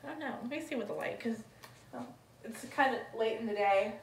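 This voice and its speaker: A fairly high-voiced woman talks in a chatty, rambling way, describing each item in turn. Her voice sits a little away from the mic in a roomy space. A faint hum of ambience stays behind her. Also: a little fast, creaky, far from the mic. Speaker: thrift reseller vlogger. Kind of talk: casual haul vlog.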